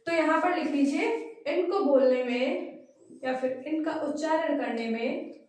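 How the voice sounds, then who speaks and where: A woman's voice: sits high, measured pace, a little mellow. A woman teaching a grammar lesson for exam preparation, repeating and drilling each word pair patiently. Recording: very echoey room, voice from a distance.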